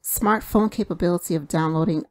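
Low-voiced woman pitching a work-from-home opportunity. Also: a little fast, a little mellow, no echo. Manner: plain explanatory, addressing viewers directly. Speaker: video host presenting job openings.

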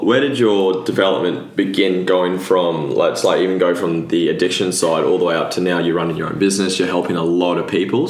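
Male podcast host, slightly low pitch, informal and encouraging, recorded in a very roomy space. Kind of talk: casual interview chat. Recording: echoey room.

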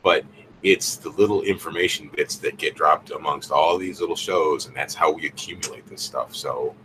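Very deep-voiced man, noisy recording. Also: moderate pace, sharp tone. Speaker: panel member on a livestream. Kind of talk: casual reflective chat. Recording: clearly noisy livestream audio.

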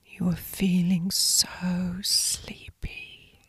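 Very slow whispering woman, sleep story narrator. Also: on the low side, wildly swooping pitch, a bit bright, no echo, clean studio sound. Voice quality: breathy whisper. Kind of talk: whispered guided sleep meditation, scripted narration.

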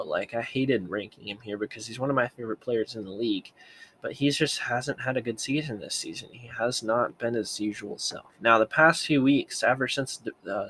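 Low-voiced man rambling about rankings. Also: a bit bright, slight background noise. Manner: rambling, self-correcting, thinking aloud. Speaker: sports video host. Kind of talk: casual commentary.

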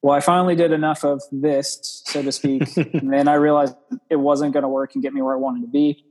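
A man's voice: a little high, level tone, fairly quick, a little mellow, poor audio. A young man as an interview guest, telling his story in an earnest, rambling way and often quoting what he said to himself.

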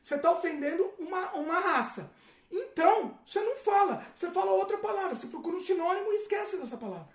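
Brazilian male host, high lively voice, emphatic panel banter, roomy echo. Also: fast. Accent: Brazilian Portuguese. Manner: animated, emphatic, keeps addressing the audience. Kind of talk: casual panel chat.

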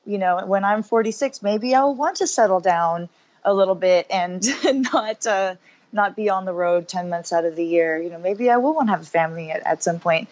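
A woman's voice: medium pitch, moderate pace, a little mellow, highs cut off. A woman in her thirties talking in a casual interview as a guest musician, upbeat and chatty with lots of fillers. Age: 30s.

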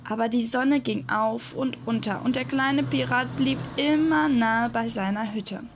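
Slow, gentle woman reading a children's story. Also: a little high, slight background noise.

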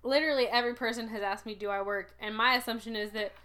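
A woman's voice: fairly high pitch, steady tone, quick pace, a crowd in the background. A woman in her twenties, chatting casually and telling stories with frequent laughs. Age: 20s. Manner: chatty storyteller, laughs often. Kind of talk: casual chat.

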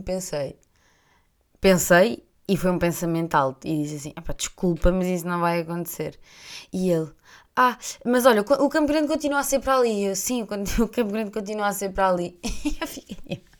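A young adult woman with a European Portuguese accent, hosting a casual chat and telling anecdotes in an animated way, laughing often and acting out voices. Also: mid-range voice. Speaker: podcast host.

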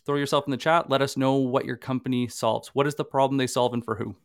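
A man from Canada co-hosting a live sales webinar, with a mid-pitched voice recorded dry and close. He talks conversationally, reaching for everyday examples, with the odd repeated word. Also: fairly even intonation, quick pace, dry recording. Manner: conversational, uses homely examples, slight stammers. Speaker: podcast and workshop co-host. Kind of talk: casual live webinar talk.

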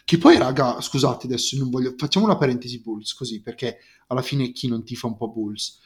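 A man with a mid-pitched voice talks sports casually. His delivery is emphatic and insistent, with phrases repeated to press the point, like a lively podcast panelist. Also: brisk. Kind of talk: animated casual sports banter.

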